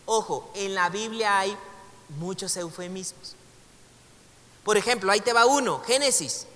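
A Mexican man with a high, bright voice teaches a relaxed Bible class. He chats with his students, jokes along the way and reads passages aloud. The sound carries a long reverb from a large room. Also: a little slow. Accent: Mexican Spanish. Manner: conversational, joking asides, reads passages aloud. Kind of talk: casual classroom lecture.

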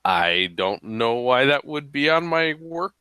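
A man's voice: medium pitch, sing-song, measured pace, sharp tone, clear, resonant tone, no echo, studio quality. A man with a stuffy voice hosting a podcast in a playful, casual, chatty way. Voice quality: stuffy, congested-sounding. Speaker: podcast host. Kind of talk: casual chat.

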